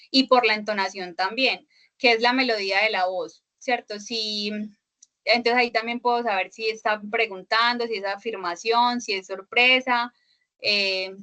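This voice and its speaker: Bright-voiced woman teaching an online class. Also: a little high. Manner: explanatory, many fillers and "¿cierto?" checks. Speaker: instructor. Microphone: video call.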